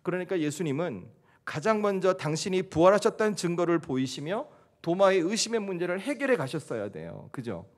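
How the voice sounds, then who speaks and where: Male pastor, middle-aged, conversational sermon style with emphatic peaks, a touch high. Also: big pitch swings, a little fast. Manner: conversational, asks the congregation questions; rises to emphatic, higher delivery.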